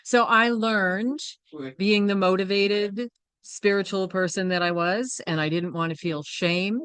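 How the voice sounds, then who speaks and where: A woman's voice: medium pitch, steady tone, a little slow, a bit bright, clean tone, no room sound. A woman presenting a workshop, speaking candidly and reflectively, often checking in with her listeners. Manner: candid and reflective, with frequent "right?" and "you know". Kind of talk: personal teaching talk.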